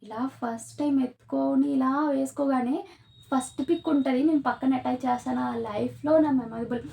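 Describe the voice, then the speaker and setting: A woman's voice: on the high side, vocal fry, dark tone, echoey room, slight background noise. A young woman vlogger casually telling the story of her first baby's birth in a chatty way, quoting relatives as she goes. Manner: chatty, mixes English words into Telugu, quotes relatives. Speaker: vlogger, new mother.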